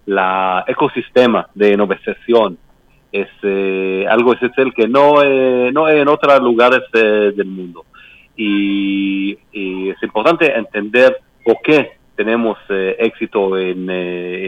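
A man who is not a native Spanish speaker, with a foreign accent, answering interview questions haltingly and searching for words. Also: fairly low pitch, fairly even intonation, dry recording, highs cut off. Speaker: embassy political adviser being interviewed.

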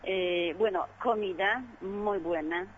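Woman, Polish accent, non-native speaker, halting word searches, low-pitched, muffled noisy phone interview. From Poland. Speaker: ambassador being interviewed. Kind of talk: conversational radio interview. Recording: dull, noisy phone call.

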